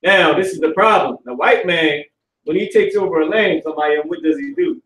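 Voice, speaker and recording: This class teacher is a young man with a slightly high, fairly bright voice who talks fairly quickly. Leading a live lesson indoors in a classroom with a stage and banners, he uses casual, profane street speech and keeps pushing questions at his students. The room echoes and he sounds far from the mic.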